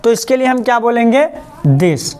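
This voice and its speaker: A male teacher giving a grammar lesson, asking quick questions and repeating the answers, slowing words down to show how they are said. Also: very high voice, lively intonation, a little mellow, clean tone. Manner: stretches out words slowly to model pronunciation.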